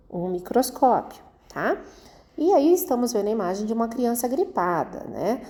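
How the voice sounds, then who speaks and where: A mellow-voiced woman leads a recorded science lesson for children. She moves through the exercises patiently, one step at a time, and keeps checking in with her pupils as she goes. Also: mid-range voice. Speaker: schoolteacher.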